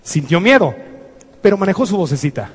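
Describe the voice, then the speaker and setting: A man giving an energetic motivational business seminar, coaxing the audience and acting out scenes. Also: high-pitched, fairly quick, breathy edge. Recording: echoey hall reverb.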